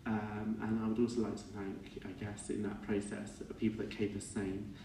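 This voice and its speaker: A middle-aged man giving an informal funeral speech as a son, halting and reflective, often correcting himself as he goes. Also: fairly low pitch, monotone, creaky, warm tone. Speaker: son giving a eulogy for his father. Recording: echoey room, distant mic, faint noise.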